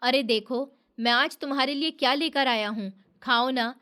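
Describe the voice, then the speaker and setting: A woman's voice: high voice, normal speed, sharp tone, smooth. A woman voicing a grief-stricken middle-aged man who talks in a weary, pleading way.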